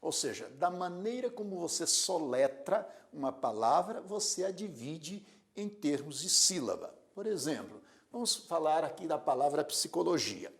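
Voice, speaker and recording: Man lecturing, lively, gravelly. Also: fairly high pitch. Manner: slow, deliberate, repeats words syllable by syllable; asks rhetorical questions to the learner. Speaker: Portuguese grammar teacher. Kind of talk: classroom lecture.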